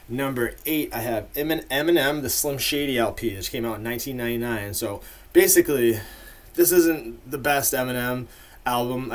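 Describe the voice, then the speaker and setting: A man in a casual, rambling monologue full of fillers, giving his opinions as the host of a ranking video. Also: medium pitch.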